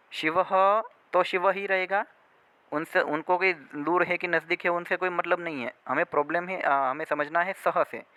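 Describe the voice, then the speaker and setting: A man teaching a spoken Sanskrit lesson, drawing out the model phrases slowly and often checking whether the class has understood. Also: on the high side, sharp tone, no room sound. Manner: slow, drawn-out model phrases with frequent check-ins.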